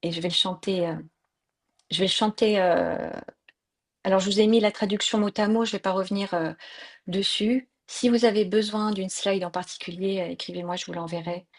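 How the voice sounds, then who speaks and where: A woman's voice: mid-range voice, steady tone, moderate pace. A woman leading an online mantra workshop, patiently explaining pronunciation with frequent fillers, heard through a computer mic on a video call. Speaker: mantra and yoga teacher.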